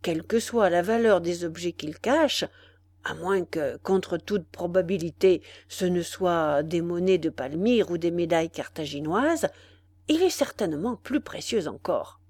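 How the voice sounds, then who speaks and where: Nervous old concierge guy, put on by a woman reader, slow fretful muttering, dry close sound. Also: fairly low pitch, expressive, a little mellow, no echo. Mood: gloating. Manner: fretful, breathless muttering to himself. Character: timid, greedy old male concierge.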